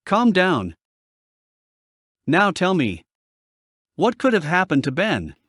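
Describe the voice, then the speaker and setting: An actor playing a no-nonsense police sergeant who speaks firmly and takes command. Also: male voice, high voice, wildly swooping pitch, slow pace, a bit bright, no echo, studio quality, heavily acted. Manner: firm, commanding.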